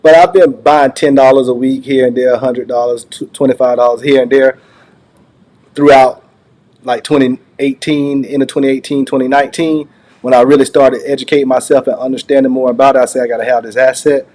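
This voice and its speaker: A man's voice: medium pitch, level tone, a little fast, darkish tone. Rambling man doing casual off-the-cuff commentary. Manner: rambling, conversational, repeats phrases. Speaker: online channel host reacting to a recorded call.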